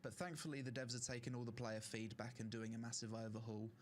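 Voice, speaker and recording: Talking fast with little pitch movement, this young male streamer has a medium-pitched voice over a slight hiss or hum. He ranks online games in a casual, opinionated tier list, using fillers as his throat grows strained.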